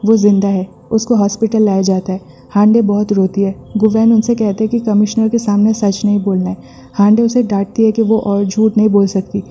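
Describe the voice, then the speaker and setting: A woman narrating a brisk plot recap of a drama episode, reading the characters' quoted lines in a plain voice. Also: mid-range voice, level tone, warm tone. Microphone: voice-over. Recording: dull lo-fi voice-over.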